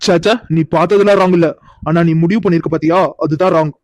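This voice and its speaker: A man's voice: fairly high pitch, steady tone, fast talker, darkish tone, no room sound, lightly acted. A man voicing a young cartoon boyfriend who pleads to explain himself and turns bitter when he is misjudged. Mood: wounded. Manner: pleading, then bitterly wounded. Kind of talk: cartoon voice acting.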